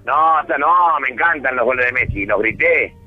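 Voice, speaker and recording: A man's voice: medium pitch, lively intonation, a little fast, a loud crowd. A man with a Rioplatense Argentine accent, arguing as a radio guest in a teasing, combative way over a dull lo-fi phone line. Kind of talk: heated radio debate.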